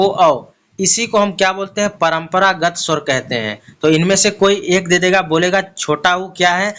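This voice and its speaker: Male tutor, exam-prep lesson: slowly spells out letters one at a time and poses his own questions, in a high, sharp tone. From India. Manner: explains step by step, asks and answers his own questions. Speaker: teacher.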